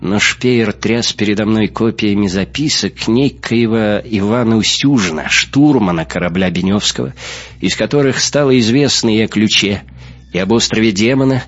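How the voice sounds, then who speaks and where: A man voicing an earnest young woman, a former captive, telling her story with animated storytelling, in a muffled, lo-fi audiobook recording. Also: lowish voice, normal speed, close to an everyday voice.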